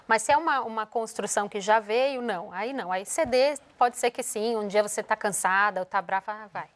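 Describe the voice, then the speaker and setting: Fast-talking Brazilian woman giving parenting advice. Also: medium pitch. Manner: explanatory, acts out parent and child lines. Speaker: educational psychologist guest. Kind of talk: TV morning show interview, giving parenting advice.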